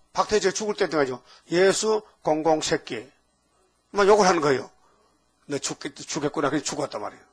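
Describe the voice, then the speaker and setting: Older male preacher with sudden loud rises. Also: sits high. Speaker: pastor. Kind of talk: sermon.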